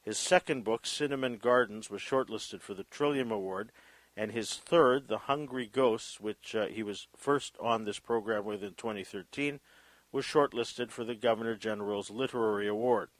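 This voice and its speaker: A man's voice: on the low side, normal speed, no room sound. A male radio interview host who reads a formal introduction and asks questions, stammering often. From Canada.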